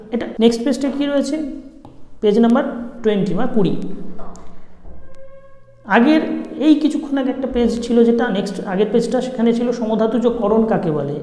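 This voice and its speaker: Teacher with a West Bengal accent, dark, mellow tone; measured exam-prep lesson, repeats key points; reverberant room. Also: mid-range voice. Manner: repeats key phrases slowly to stress them; asks questions and then answers them. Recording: roomy with a long reverb tail.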